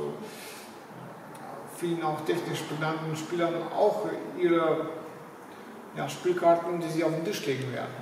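A middle-aged man gives unscripted football commentary to camera, haltingly, searching for his words. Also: on the high side, gravelly. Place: indoors, echoing room with display banners. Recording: echoey room, distant mic, faint noise.

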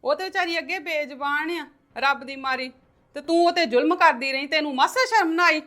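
A woman's voice: sits high, brisk, bright, forceful tone. A woman playing a stern middle-aged mother who lectures and curses her married daughter in a family drama. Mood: scolding.

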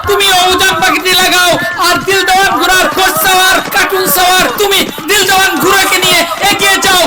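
A man with a strikingly high voice and a Bangladeshi accent works as a race caller. He shouts his commentary excitedly, driving the call along like a live horse race broadcast. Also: reverberant, poor audio.

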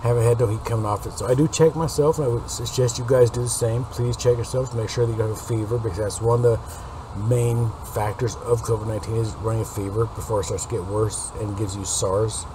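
A man in his late forties with a raspy smoker's voice, giving a casual, rambling update to viewers through a webcam. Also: on the low side, steady tone, quick pace. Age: late 40s. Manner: rambling, informal. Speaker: video host. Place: unfinished basement room. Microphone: webcam or laptop mic at desk distance. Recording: noisy webcam recording with background hum.

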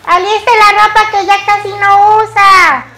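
A woman's voice: extremely high pitch, fairly even intonation, a little slow, bright, forceful tone, pitched above the performer's own voice, heavily acted. A woman voicing a kindly old grandmother who calls out to her grandson, in a puppet show for a children's Sunday school lesson. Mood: urging.

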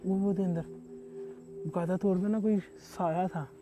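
A man in his thirties from Pakistan hosting a ghost-hunting vlog, talking tensely and excitably to viewers as he explores an abandoned building at night. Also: high-pitched, a little slow. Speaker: host of a ghost-hunting show. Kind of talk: on-location paranormal investigation vlog. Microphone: camera-mounted mic on a handheld gimbal. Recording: background music under the voice.

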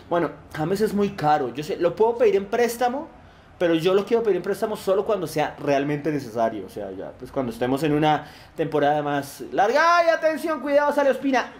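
A young Colombian man commentating his own football video game match, chatting with viewers and shouting at the plays. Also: on the high side, a little hiss or hum. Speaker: gaming YouTuber.

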